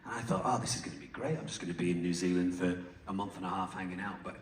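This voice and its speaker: A man's voice: low-pitched, steady tone, racing, distant mic. A man telling anecdotes on a convention panel, chatty and laughing often. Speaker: panel guest. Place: large convention hall. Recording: echoey hall with noise.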